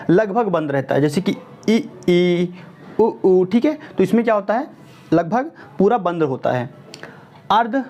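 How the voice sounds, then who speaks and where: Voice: mid-range voice, a little mellow, a little hiss or hum. A teacher giving an exam-prep lesson, stretching out vowel sounds to demonstrate them, slipping in English words and often checking that the class is following. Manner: keeps checking in with "ठीक है" and "clear है?"; mixes English words into explanations. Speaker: Hindi grammar teacher.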